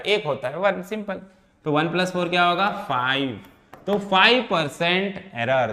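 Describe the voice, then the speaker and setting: A man's voice: fairly high pitch, fairly bright tone. A male teacher working through a physics problem step by step, checking in often with his students. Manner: repeats and checks in with "है ना" and "ठीक है". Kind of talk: step-by-step problem solving lesson.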